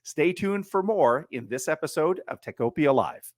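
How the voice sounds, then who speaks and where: A man's voice: fairly high pitch, animated, normal speed, very noisy. A man hosting a business interview podcast, chatty and joking, with frequent fillers and restarts. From Ottawa. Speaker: podcast host.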